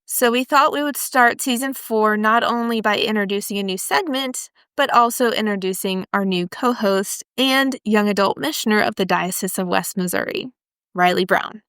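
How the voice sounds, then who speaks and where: A woman's voice: mid-range voice, moderate pace, a bit bright, clean tone, dry recording, studio quality. A young adult woman from Florida hosting a podcast, chatting enthusiastically and sharing her own story. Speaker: podcast host. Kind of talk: casual podcast chat.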